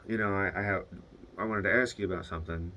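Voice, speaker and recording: Deep-voiced man venting in a video diary. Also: steady tone, fast, bright, forceful tone. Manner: hesitant, restarts often, swears when upset; retells phone calls, quoting both sides. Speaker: video diarist. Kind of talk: casual confessional monologue.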